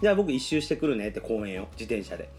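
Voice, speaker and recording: A man tells a story quickly, his pitch leaping up and down as he acts out the lines of people in it. He laughs often, and soft music plays underneath. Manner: animated storyteller who acts out quoted voices and laughs often. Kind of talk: casual storytelling chat.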